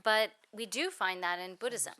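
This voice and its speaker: Bright-voiced woman interpreting a dharma talk. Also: mid-range voice, moderate pace. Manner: fluent and explanatory, with frequent "you know" and "actually".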